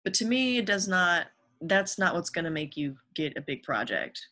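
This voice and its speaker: A woman's voice: lowish voice, expressive, moderate pace, pushed and bright. A young adult woman, a guest on a podcast, talking casually and earnestly about her career and giving upbeat advice. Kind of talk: casual interview chat.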